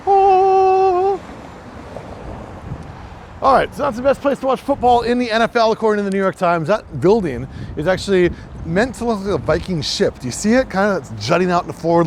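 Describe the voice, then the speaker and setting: A man's voice: a little high, slight background noise. A man, chatty and enthusiastic, laughing often as he guides a walking tour through city streets outdoors.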